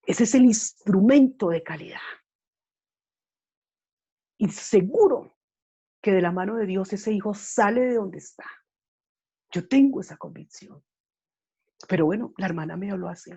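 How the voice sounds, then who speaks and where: A woman's voice: mid-range voice, animated, a little slow, vocal fry, pauses often, dark tone, breathy edge. A woman preaching a fervent sermon with pleading, repeated appeals over a video call.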